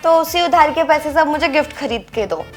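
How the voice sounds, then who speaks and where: Young woman in a comedy skit, super high voice, naggy, music clearly playing behind. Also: expressive, brisk. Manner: naggy, questioning. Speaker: comedy sketch actress playing wife. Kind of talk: scripted comedy sketch dialogue.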